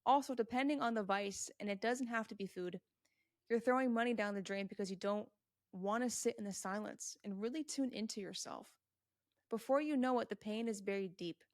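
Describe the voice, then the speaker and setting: A woman talks through a solo motivational podcast with earnest emphasis, often repeating her points and speaking straight to the listener. Her voice sits at an ordinary middle pitch for a woman. The sound is close and dry, with no room echo. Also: brisk. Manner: addresses the listener directly and answers imagined questions. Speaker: podcast host.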